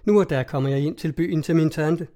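A witty young woman from an old tale speaks with teasing composure, as a man reads her part. The voice sits a little high and sounds warm and mellow. She comes across as cheerful and sure of herself. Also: lightly acted.

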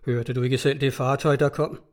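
A man's voice: medium pitch, flat delivery, lightly acted. A man voicing an irate male customs-cutter captain who curses and barks orders, in a read-aloud story. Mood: furious. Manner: gruff, cursing, barking orders.

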